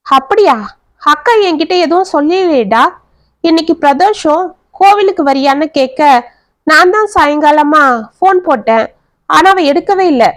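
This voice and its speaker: A woman's voice: sits high, moderate pace, long pauses, no room sound, pitched above the performer's own voice, lightly acted. A woman voicing a tired, resentful middle-aged aunt who answers with long, weary complaints. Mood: chatty.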